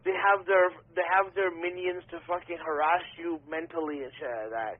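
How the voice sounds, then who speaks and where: A man's voice: a little high, fairly even intonation, normal speed. A man talking casually as a podcast guest, rambling and swearing a lot. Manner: profane, rambling conspiracy talk. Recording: tinny phone line.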